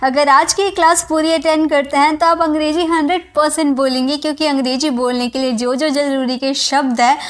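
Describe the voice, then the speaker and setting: A woman English teacher giving a spoken lesson in Hindi, explaining patiently and repeating each example slowly. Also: high voice, steady tone.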